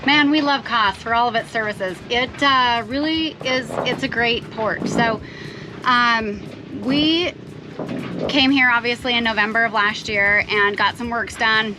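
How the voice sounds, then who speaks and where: A woman's voice: on the high side, measured pace, noisy background. A North American woman chatting casually to the camera as a sailing vlogger on a boat. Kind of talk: casual vlog chat. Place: on a sailboat.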